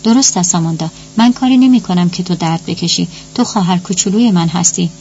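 A woman voicing a menacing, obsessive teenage stepdaughter with a hoarse, soft, threatening voice. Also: on the low side, lo-fi sound, a little hiss or hum, natural voice. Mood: cold menace.

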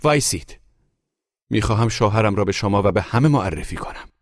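A man reading a story aloud, voicing a shrill, furious young wife who makes a scene in front of guests, with loud, indignant outbursts. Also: lively intonation, no echo, clean studio sound. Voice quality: shrieking. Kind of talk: dramatic audiobook reading.

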